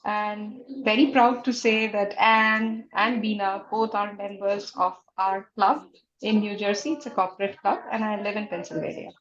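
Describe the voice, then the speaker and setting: Slightly high woman on muffled call audio. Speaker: meeting participant. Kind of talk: self-introduction.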